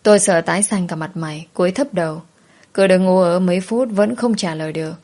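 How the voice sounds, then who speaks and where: A woman narrating a story in first person, steady and plain. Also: lowish voice, brisk.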